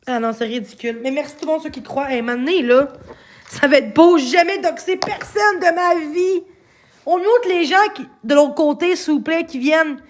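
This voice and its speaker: A young woman with a Quebec French accent speaks in a high voice on her livestream. She sounds agitated and defensive, tripping over repeated words as she rants. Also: normal speed. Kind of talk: upset livestream rant.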